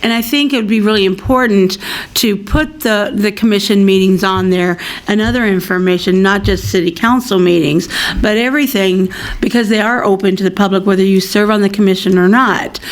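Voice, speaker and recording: A woman's voice: medium pitch, fairly quick, low-quality recording. A woman speaking as a council member, making polite but insistent remarks at a meeting.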